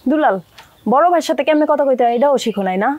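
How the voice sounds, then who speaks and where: An outspoken, reproachful sister-in-law. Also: female voice, sits high, lively intonation, very fast, phone-quality sound. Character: outspoken elder sister-in-law, caring wife. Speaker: elder son's wife. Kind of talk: TV drama acting. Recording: music under the dialogue.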